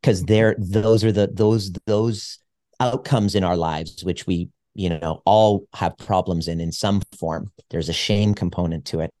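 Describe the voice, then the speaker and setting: A man's voice: low voice, steady tone, unhurried, darkish tone, no echo, studio quality. A man in his forties, a podcast guest, talking in an earnest, reflective way with frequent restarts. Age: 40s. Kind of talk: casual conversation.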